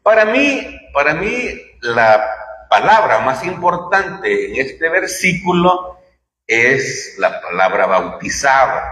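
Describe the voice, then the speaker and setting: A man's voice: mid-range voice, sharp tone. A man preaching a sermon in a church, talking conversationally and asking his listeners rhetorical questions. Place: church hall. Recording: echoey church hall.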